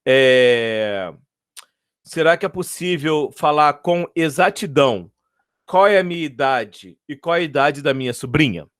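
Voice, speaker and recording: A man with a Brazilian accent, teaching a math lesson, patiently repeating his points and checking in with the students. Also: fairly high pitch. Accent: Brazilian Portuguese.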